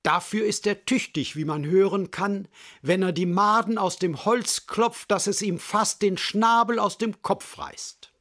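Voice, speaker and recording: A man putting on a proud, lovesick yellowhammer lady. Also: high-pitched, a little slow, pitched above the performer's own voice. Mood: musing.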